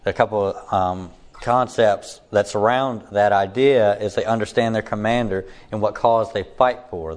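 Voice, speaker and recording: A man leads a casual Bible lesson in a fairly low voice. He sounds slightly hoarse, as if still getting his voice back. He keeps a steady, level, near-monotone delivery. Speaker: Bible teacher.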